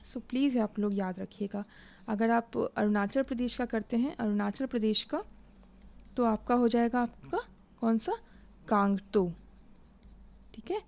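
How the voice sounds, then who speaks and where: Slow-talking woman teacher, gravelly voice. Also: a little high, dark tone. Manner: explains slowly while writing, asks and answers own questions. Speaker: exam coaching teacher. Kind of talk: recorded online lesson, Hindi with English.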